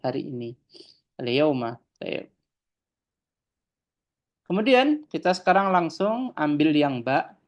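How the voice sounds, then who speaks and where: An online language teacher explaining grammar, drawing out each vocabulary word slowly before explaining it and often addressing the students as friends. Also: mid-range voice, darkish tone, dull audio. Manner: draws out Arabic words slowly, then explains them.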